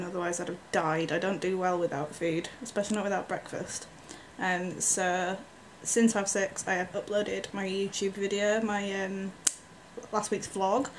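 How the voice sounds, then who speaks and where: A woman's voice: mid-range voice, a little hiss or hum. Chatty, giggly woman vlogging at home. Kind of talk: casual vlog chat. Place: at home indoors. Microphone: handheld camera.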